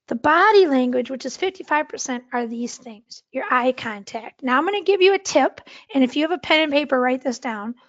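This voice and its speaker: A woman instructor with a high voice and a gravelly fry teaches an online course in an easy conversational manner, often pausing to check in with her listeners. The recording is dry and a little dull, like a lo-fi close mic. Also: no room sound. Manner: conversational teaching, frequent "okay?" check-ins, demonstrates tones. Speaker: workshop instructor.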